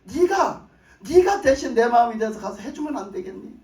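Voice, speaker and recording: A man voicing God as a patient, loving father who gently coaxes, in an echoey hall. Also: extremely high pitch, sing-song, normal speed. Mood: tender. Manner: gentle, coaxing pleas. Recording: echoey church hall from a distance.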